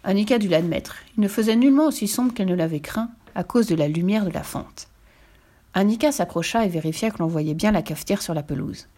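A woman reading a children's story aloud with gentle, expressive narration. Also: mid-range voice, a little fast.

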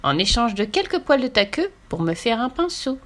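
Woman reader voices a mischievous monkey, playful tease, pitched well above her own voice, children's tale. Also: very animated, moderate pace, a bit bright, a little hiss or hum. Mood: teasing. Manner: playful, teasing. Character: teasing cheeky monkey.

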